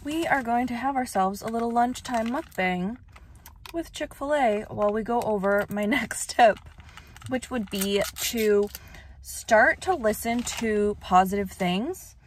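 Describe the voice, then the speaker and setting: With a voice on the high side and a little slow, a young woman casually vlogs her errands, moving between car, indoors and outdoors. She laughs easily and says "like" a lot, with slight background noise.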